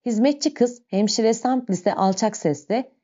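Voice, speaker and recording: Mellow-voiced woman narrating an audiobook. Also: a little high. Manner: slow, measured storytelling. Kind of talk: audiobook reading of a novel. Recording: dull lo-fi recording.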